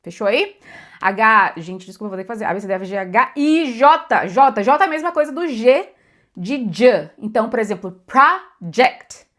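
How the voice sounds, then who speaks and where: A woman's voice: on the high side, expressive, normal speed. A young adult woman with a Brazilian accent, teaching pronunciation in a chatty, casual lesson, often repeating words for emphasis. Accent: Brazilian Portuguese. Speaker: English teacher.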